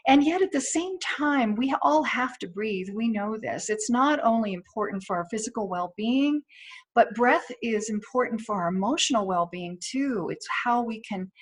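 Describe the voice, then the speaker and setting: Woman chaplain giving gentle, reassuring guidance. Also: fairly high pitch, expressive, moderate pace. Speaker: chaplain giving a weekly wellness tip. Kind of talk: informal spoken guidance on breath prayer and spirituality.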